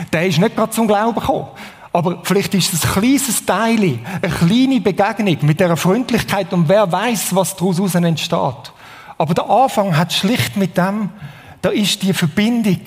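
A man with a high voice and a Swiss German accent delivers a sermon. He talks in a relaxed, conversational way and keeps asking his listeners questions. His voice carries a long reverb from a large hall. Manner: conversational, asks the audience questions. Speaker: preacher.

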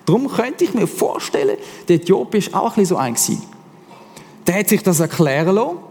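Swiss guy preaching loose and lively, kinda high voice, big echoey church hall. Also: quick pace. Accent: Swiss German. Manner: casual, animated preaching with slang. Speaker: pastor. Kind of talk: sermon. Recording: long hall reverb.

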